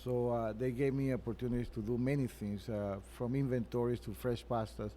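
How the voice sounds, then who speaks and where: Earnest man with a mellow voice. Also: medium pitch, steady tone, a little hiss or hum. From Venezuela. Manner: earnest, halting, with frequent restarts. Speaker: chef and restaurant owner, guest. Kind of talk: interview answers. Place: his restaurant.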